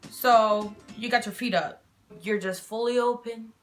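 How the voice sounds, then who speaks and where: A young woman telling a storytime vlog in a casual, animated way, swearing freely. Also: on the high side, measured pace, soft background music. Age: young adult. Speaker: vlogger.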